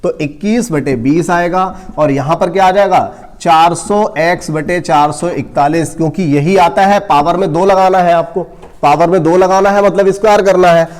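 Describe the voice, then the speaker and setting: Talking directly to his students, a man leads a math coaching class and solves sums out loud one step at a time, scolding them gently. He speaks at a normal speed in a high-pitched voice.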